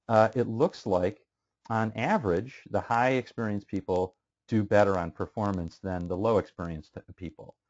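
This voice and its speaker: A male instructor giving a casual statistics lecture, asking students questions and using many fillers. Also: lowish voice. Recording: muffled lo-fi classroom recording.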